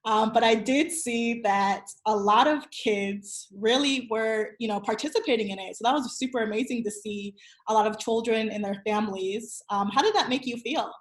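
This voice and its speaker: A woman's voice: fairly high pitch, normal speed. Young american woman hosting, roomy echo. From Virginia, USA. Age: 20s. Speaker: host. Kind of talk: scripted introduction and interview questions.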